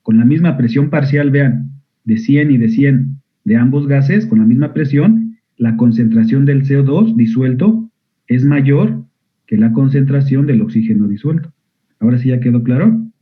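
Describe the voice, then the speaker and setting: A male medical school lecturer giving an online physiology class. He often quizzes his students and clears his throat. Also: mid-range voice, animated, normal speed. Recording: narrow phone-like audio.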